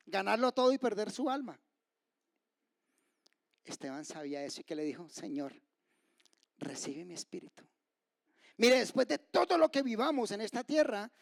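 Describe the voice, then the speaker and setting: High-pitched male preacher, dry close mic, gets loud then drops to a whisper, keeps asking the crowd questions. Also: no room sound. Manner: dramatic swings from loud outbursts to hushed whispers; asks the congregation rhetorical questions. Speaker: pastor. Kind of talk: sermon.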